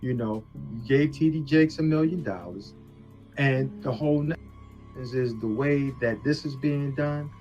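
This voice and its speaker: A man makes his case in an argumentative phone conversation, insistent and lecturing. He speaks at a measured pace in a medium, slightly mellow voice. It's a leaked call recording with music playing underneath.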